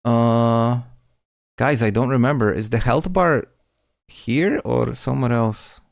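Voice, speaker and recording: A man's voice: medium pitch, slow, gravelly, no room sound, studio quality. Chatty man streaming a game. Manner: chatty, restarts words, talks to chat. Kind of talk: casual gameplay commentary.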